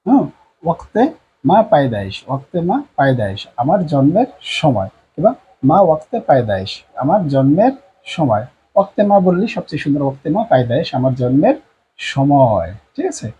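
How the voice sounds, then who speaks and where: A man teaching a language lesson at a board, repeating each word slowly and often, with many drawn-out fillers and a Bangladeshi Bengali accent. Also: on the high side, big pitch swings, dark tone, dull audio, a little hiss or hum.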